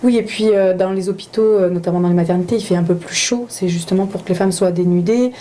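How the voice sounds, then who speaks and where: Woman host, warm mellow voice, casual, agreeable interjections. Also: mid-range voice, fairly even intonation, quick pace. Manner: affirming, chimes in often.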